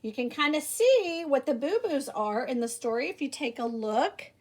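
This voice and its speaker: This teacher's high voice has a husky edge as she reads a children's picture book at normal speed. Her pitch ranges widely and she stresses words like someone addressing young listeners, animated and theatrical, with exclamations and rhetorical questions.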